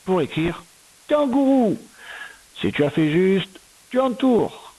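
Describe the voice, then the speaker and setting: Slow, patient woman teaching. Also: medium pitch, big pitch swings, dark tone, slightly rough, poor audio. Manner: slow, patient, syllable-by-syllable dictation. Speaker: primary school teacher. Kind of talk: recorded reading and spelling lesson for a young child.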